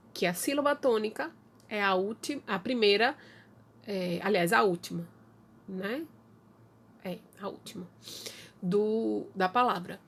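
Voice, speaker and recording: Brazilian lady teacher, slow and halting, gravelly creak, kinda high voice. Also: a bit bright. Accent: Brazilian Portuguese. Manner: slow, halting explanation with many fillers. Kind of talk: recorded online class.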